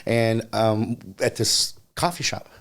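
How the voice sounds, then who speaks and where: A man's voice: lowish voice, takes it slowly. A man, an actor, telling a long anecdote in a casual interview, full of "you know" fillers. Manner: animated anecdote-telling, acts out quoted voices. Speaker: actor guest.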